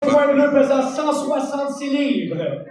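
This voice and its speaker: A woman announcing fighters like a boxing ring announcer, formally, with drawn-out proclaimed names. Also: high-pitched, animated, darkish tone. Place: large echoey event venue. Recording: echoey hall PA from far off, noisy.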